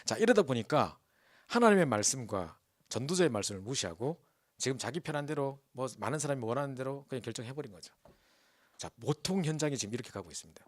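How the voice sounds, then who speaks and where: A male pastor preaching a sermon. He tells stories in an animated way and keeps asking the congregation to agree with him. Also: medium pitch, fast talker, dry recording, studio quality. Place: church.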